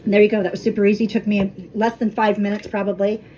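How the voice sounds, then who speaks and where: Woman vlogger, chatty and friendly, mid-pitched, cooking-show patter over clear background noise. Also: little pitch movement, quick pace. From Colorado. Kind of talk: casual kitchen vlog. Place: home kitchen.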